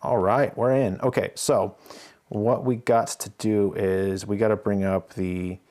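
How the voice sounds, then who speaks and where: Warm in tone and on the low side, this man's voice keeps fairly even intonation and an unhurried pace. He chats easily with viewers on a casual live stream, thinking aloud as he works.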